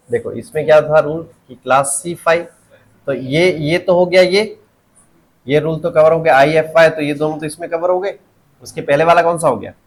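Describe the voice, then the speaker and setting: Hindi-accented guy teaching english stress, kinda high voice, keeps asking the class and repeats words slow. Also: low-quality recording. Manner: quizzing the class, repeating words slowly, joking aside. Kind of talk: phonetics lesson for exam students.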